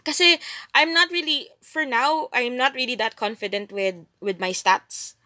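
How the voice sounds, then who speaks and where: A young woman with a Filipino accent streams herself playing a game, chatting playfully and giggling through live commentary. Her high-pitched voice is bright and forceful at a moderate pace, recorded in studio quality with no room sound.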